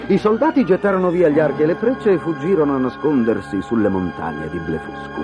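A man reading a storybook aloud in an expressive, animated way. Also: on the high side, fairly quick. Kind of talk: scripted storybook narration. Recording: slightly dull audio with faint music.

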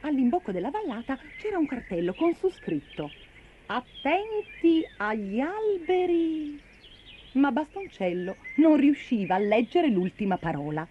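Expressive woman reading a storybook. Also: on the high side, normal speed, few pauses, slight background noise. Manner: expressive, lilting. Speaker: narrator. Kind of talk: storybook narration. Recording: dull lo-fi recording.

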